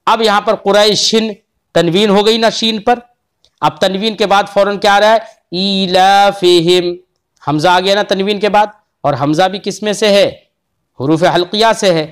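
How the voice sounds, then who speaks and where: A man teaching Quran recitation rules in an online lesson, explaining patiently and drawing out the example words slowly. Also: high-pitched, steady tone.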